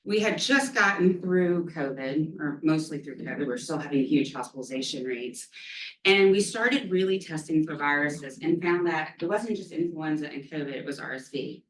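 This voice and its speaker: A woman's voice: deep voice, moderate pace. A woman giving an academic lecture on a virus, chatty with frequent ums and offhand self-deprecating asides, recorded in a lecture room. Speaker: infectious disease lecturer. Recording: roomy hall from far off.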